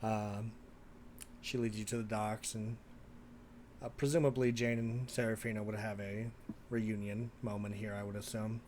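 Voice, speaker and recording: A man's voice: fairly low pitch, level tone, moderate pace, a little mellow, a little hiss or hum. A man narrating an improvised tabletop game as its game master.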